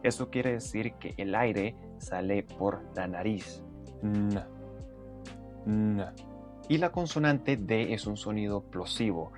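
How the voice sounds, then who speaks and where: A man narrating a pronunciation lesson, explaining sounds step by step and demonstrating them aloud. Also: fairly low pitch. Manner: methodical, breaks down sounds step by step. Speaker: pronunciation teacher.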